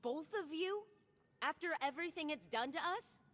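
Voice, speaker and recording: A woman's voice: high voice, animated, moderate pace, a bit bright. A hurt, distrustful young woman. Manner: emotional, defensive. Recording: game cutscene with long reverb.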